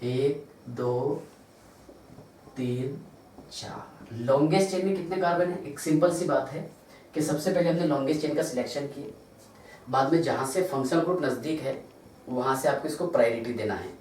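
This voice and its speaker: A man's voice: mid-range voice, a little mellow, recorded from a distance. A man with an Indian Hindi accent teaches chemistry, counting carbons aloud and asking questions that he answers himself. He is recorded from across a very echoey classroom, with faint room noise behind him. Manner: asks rhetorical questions and answers them himself; spells out formulas slowly, counting carbons aloud. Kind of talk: classroom lecture. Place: large classroom.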